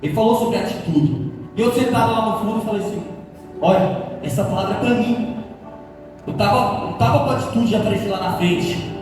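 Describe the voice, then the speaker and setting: Young guy preaching nervous and earnest, high voice, boomy church hall, music under. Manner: earnest, pleading, halting with restarts. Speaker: youth speaker. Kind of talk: nervous personal testimony sermon. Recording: echoey hall, mic from far off.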